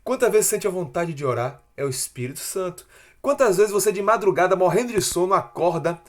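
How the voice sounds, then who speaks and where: A man giving a devotional Bible lesson, swinging between hushed, slow stretches and loud, emphatic ones. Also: high-pitched, expressive. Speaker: Bible teacher. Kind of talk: devotional teaching.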